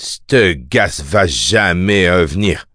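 A man voicing a coarse, unsympathetic woman with rough slang in an audiobook. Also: low voice, animated, bright, forceful tone, dry recording, studio quality, exaggerated voice. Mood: callous. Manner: blunt, slangy, fast.

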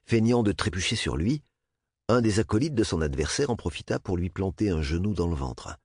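A man narrating a novel as an audiobook in a measured, expressive way. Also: sits low, breathy edge, no echo, clean studio sound. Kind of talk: audiobook reading.

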